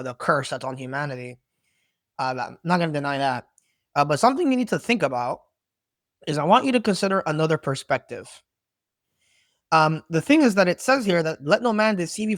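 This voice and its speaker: A man's voice: fairly high pitch, dry recording, studio quality. A man giving unscripted Bible teaching, rambling and correcting himself, often checking in with "right?".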